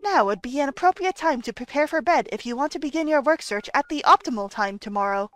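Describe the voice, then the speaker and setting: A woman's voice: sits high, lively intonation, a bit bright. Woman doing a prim, polite robot butler. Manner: formal, measured instructions. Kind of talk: reading game dialogue aloud.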